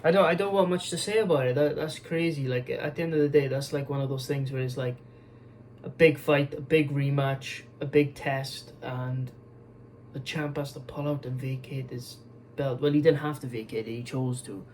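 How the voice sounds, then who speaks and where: A man's voice: medium pitch, steady tone, normal speed, darkish tone, a little hiss or hum, poor audio. A young man talking casually as an MMA video host, rambling with many fillers, restarts and frequent swearing, tired and yawning. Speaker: MMA YouTuber. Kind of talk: casual news commentary vlog.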